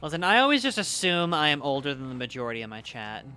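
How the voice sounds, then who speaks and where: A woman's voice: sits low, very animated, fast, sharp tone, clear, resonant tone, soft background music. A woman streamer with a slight Southern US accent, rambling and swearing freely as she chats with her viewers while gaming live. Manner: rambling, swears freely, laughs easily, talks to chat.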